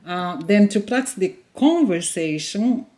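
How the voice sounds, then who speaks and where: A Brazilian vlogger in her forties, whose first language is Portuguese, tells her story casually in English. Her medium-pitched voice is animated yet a little slow with a dark tone, and she's earnest, laughing often and using simple learner's grammar.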